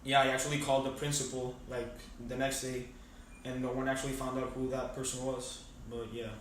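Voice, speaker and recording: A man's voice: medium pitch, completely flat delivery, fairly quick, slight background noise. A teenage boy from Venezuela answering interview questions in a casual, hesitant way, with many fillers and restarts. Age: teens. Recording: echoey room, mic at a distance.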